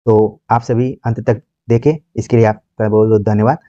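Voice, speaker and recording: A man's voice: on the low side, little pitch movement, normal speed, mellow, no room sound, highs cut off. A man teaching Hindi spelling for exams, patiently repeating examples and asking rhetorical questions. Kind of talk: exam-prep grammar lecture.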